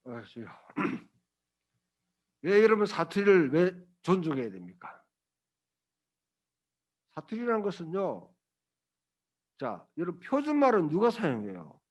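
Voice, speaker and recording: A man's voice: sits high, wildly swooping pitch, unhurried, long pauses. A male pastor preaching a Sunday sermon, emphatic and colloquial, with blunt asides and rhetorical questions to the congregation.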